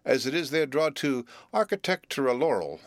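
A man reading aloud and voicing a humble, awkward country blacksmith who talks in a rustic dialect, earnest and halting. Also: medium pitch, expressive, a bit bright, no echo, studio quality. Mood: stiff, polite.

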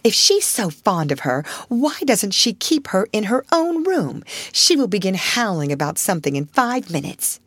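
Woman doing a snooty storybook schoolgirl, spiteful, sneering, bossy, raised pitch, lively intonation. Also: normal speed, hardly any pauses, no room sound. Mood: scornful. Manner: sneering, commanding. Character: haughty, spiteful schoolgirl bully.

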